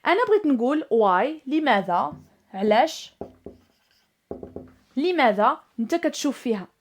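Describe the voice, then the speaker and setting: High-voiced Moroccan woman teaching English. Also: very animated, a little hiss or hum. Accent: Moroccan Arabic. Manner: slows right down and stresses example sentences. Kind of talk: explaining at a whiteboard, switching between Moroccan Arabic and English.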